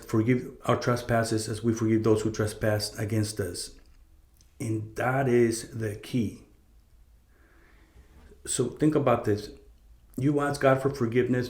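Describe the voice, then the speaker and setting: Middle-aged man, casual podcast storytelling, swears freely, lots of fillers, echoey room. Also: on the low side. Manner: conversational, profane, many fillers and restarts. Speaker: podcast host. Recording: roomy echo.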